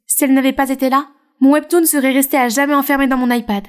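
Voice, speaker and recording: A woman voicing a shy young webtoon artist who narrates her own story in an animated dub, with expressive storytelling. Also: sits high, fast, close to an everyday voice. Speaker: narrator and heroine.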